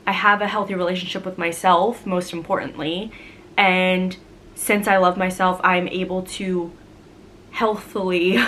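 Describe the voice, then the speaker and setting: A young woman talks through viewer questions in an easy, rambling way, breaking into laughter often and filling gaps with "like." Her voice sits a little lower than most women's. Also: a bit bright, slight background noise. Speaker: vlogger. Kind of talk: casual chat answering viewer questions.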